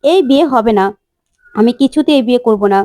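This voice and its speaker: A woman's voice: fairly high pitch, expressive, a little fast, no echo, natural voice. A woman voicing a headstrong young bride who is set on going abroad, speaking defiantly and scolding. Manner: defiant, scolding, shouting demands.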